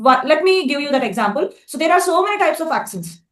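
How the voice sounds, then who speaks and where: Woman, high voice, fast talker, teacher, roomy echo. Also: expressive. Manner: explains with many fillers and checking questions. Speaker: English teacher. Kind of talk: spoken English class.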